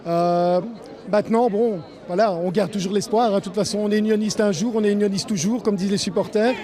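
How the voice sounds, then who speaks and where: Man, high voice, warm tone, resolute, outdoor interview. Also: fairly even intonation, fairly quick. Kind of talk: street interview.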